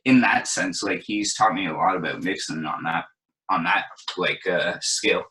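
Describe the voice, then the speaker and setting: Young man, lowish voice, bright forceful tone, laid-back, rambling, casual chat. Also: normal speed, low-quality recording. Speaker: guest DJ and producer.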